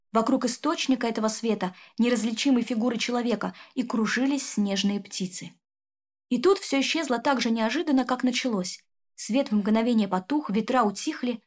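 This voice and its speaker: A woman narrates a fairy tale for an audiobook. Her voice sits fairly high and she reads in a measured, expressive way. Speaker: audiobook reader. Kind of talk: storybook narration.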